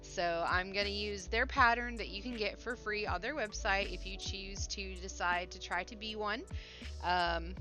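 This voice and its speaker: A woman hosts a crochet livestream at a moderate pace, her medium-pitched voice steady, bright, and forceful. She chats casually but sounds a little funny, her speech slightly impeded by sinus congestion and a sore, swollen mouth. The lo-fi audio is dull, with faint music behind her.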